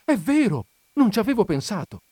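A man's voice: mid-range voice, expressive, moderate pace, dark tone, no room sound, close to an everyday voice. A man reading as a plaintive young wife. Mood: eager. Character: young wife, anxious, longing for luxury.

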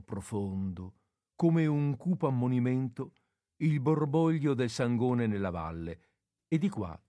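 Man reading a literary story in a measured way. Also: medium pitch, no room sound, clean studio sound. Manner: measured, expressive reading with pauses. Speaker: audiobook narrator.

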